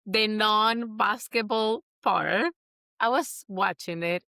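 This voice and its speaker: A woman's voice: medium pitch, slow, gravelly, sharp tone, no room sound, studio quality. A woman co-hosting a casual sports podcast, giggly and self-deprecating as a new fan. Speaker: podcast co-host. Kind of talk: casual chat.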